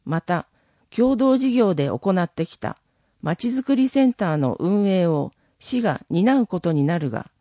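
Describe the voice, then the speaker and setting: A council member reads out a formal statement at an unhurried, deliberate pace. The voice is mellow and warm, with a lively rise and fall in pitch. The sound is close and dry, with no room echo. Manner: formal, measured reading of a prepared text.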